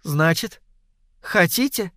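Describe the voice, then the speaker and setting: A man voicing Death as a soft-spoken young lady, talking quietly and slowly in a measured, coaxing way. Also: high-pitched, lively intonation, no echo, clean studio sound, pitched above the performer's own voice, full character voice.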